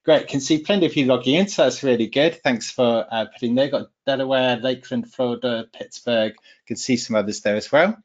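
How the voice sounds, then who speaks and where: A man's voice: mid-range voice, brisk. A man hosts an online webinar in an upbeat, informal way, his voice in a middle range. The audio is dull and lo-fi, like a computer call. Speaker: webinar host. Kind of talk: webinar hosting.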